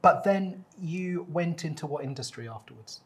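A man's voice: fairly high pitch, expressive, normal speed, husky. A man hosting an interview as a professor, introducing his guest formally and reacting with enthusiastic interjections. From England, half English. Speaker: host, professor.

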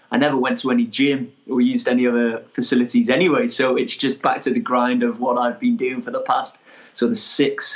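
A Welsh man in his twenties, a guest explorer chatting in an interview, upbeat and quick to laugh. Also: mid-range voice, dull audio. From North Wales. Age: 20s. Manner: energetic, chatty, laughs easily. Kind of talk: casual interview chat.

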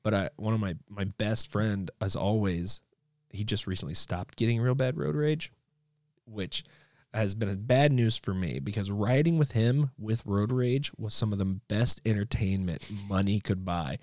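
A man's voice: lowish voice, normal speed, darkish tone, no echo, clean studio sound. A man co-hosting a podcast, telling stories in a rambling, self-correcting way. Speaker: podcast co-host. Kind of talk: casual conversation.

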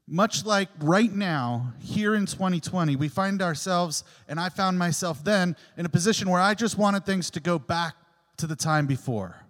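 A man's voice: high voice, moderate pace, hardly any pauses, a bit bright. A man giving a reflective, personal homily in an earnest storytelling way, his voice ringing with a long cathedral echo in a large church. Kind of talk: reflective sermon.

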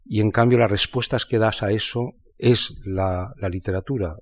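A man from Spain talking about literature in a reflective conversation, thinking aloud with many pauses and restarts. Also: on the low side. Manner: thoughtful, halting, many restarts and fillers. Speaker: writer in conversation.

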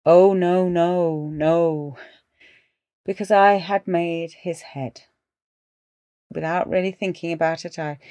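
A woman's voice: on the low side, no room sound, clean studio sound. Woman telling a ghost story. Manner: animated storytelling, dropping to hushed tones for suspense. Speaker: podcast host. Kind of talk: casual spoken ghost story.

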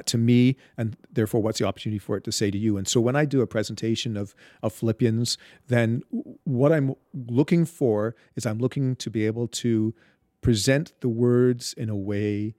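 Halting, reflective man with dry sound. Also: on the low side, a little mellow, no echo. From Barbados. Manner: halting, many restarts and fillers. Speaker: guest, Bible storyteller. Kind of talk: reflective interview talk.

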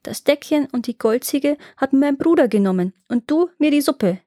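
A woman doing a poor, desperate peasant father who pleads in a higher, plaintive tone. It is fairy-tale narration with a dry, close sound. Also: expressive, normal speed, mellow, no room sound.

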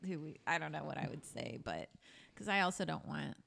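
A woman co-host trades casual banter with friends. Her voice sits low and carries a gravelly fry. She is wry and quick with a joke. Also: lively intonation, fairly bright tone. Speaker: podcast co-host.

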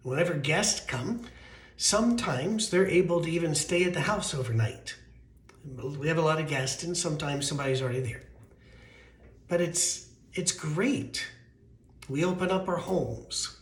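American male pastor, thin weak voice a bit high, conversational storytelling sermon, roomy echo. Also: lively intonation, moderate pace. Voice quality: thin, weakened voice. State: voice weak from allergies. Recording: roomy, echoing sound.

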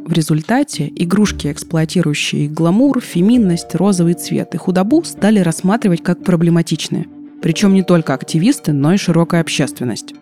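A woman's voice: lowish voice, fairly quick, mellow. A woman reading scripted, explanatory documentary narration. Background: background music.

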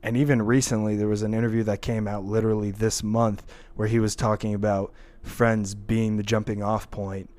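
Guy hosting a podcast, talks fast and animated, reads out comments. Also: on the low side. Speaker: podcast host. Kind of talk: casual podcast chat.

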